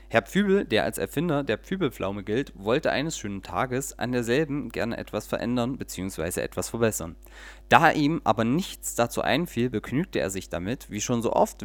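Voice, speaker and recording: Man, podcast host, casual talk and story reading, mid pitch, dry close mic. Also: no room sound. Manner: relaxed, with fillers.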